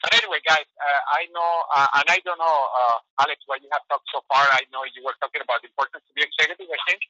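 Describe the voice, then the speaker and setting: A man calling in over a speakerphone, giving a casual, halting message with many filler sounds. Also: a little high, steady tone, pushed and bright, no echo, lo-fi sound. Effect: heard over a speakerphone. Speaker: network marketing leader calling in.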